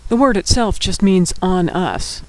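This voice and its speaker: A man's voice: high-pitched, lively intonation, measured pace, no room sound, rough recording. A man walks through a recorded language lesson. He is patient and sounds out each word syllable by syllable, like a teacher at a whiteboard.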